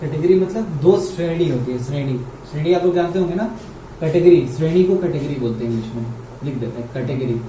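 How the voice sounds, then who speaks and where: A man's voice: a little high, a little fast, mellow. A man with an Indian English accent teaching English grammar in Hindi. He repeats key words and asks his students questions. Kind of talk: explaining grammar at a board in Hindi. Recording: roomy, mic far off, faint hum.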